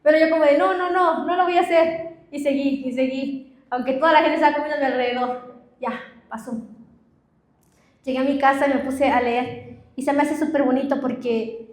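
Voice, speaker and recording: A woman's voice: high voice, fairly even intonation, a little fast, pauses often, darkish tone, echoey room. A young woman preaching a sermon and telling personal stories, often addressing the congregation. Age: young adult. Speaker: pastor. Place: church.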